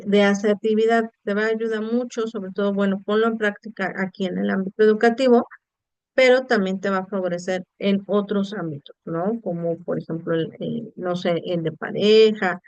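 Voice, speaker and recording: A woman gives an online lesson, her voice smooth and resonant. She explains patiently and keeps checking with her students, in a dry close sound with no room echo. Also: mid-range voice, darkish tone. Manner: explanatory, addresses students directly with rhetorical checks. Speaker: teacher. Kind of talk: online class lecture. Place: online video session.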